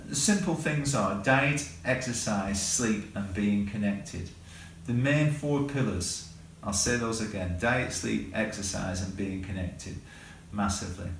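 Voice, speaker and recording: Calm man coaching from a distant, roomy mic. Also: medium pitch, a little hiss or hum. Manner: calm, instructive, guides breathing exercises. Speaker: mindset coach. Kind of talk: webinar talk on stress.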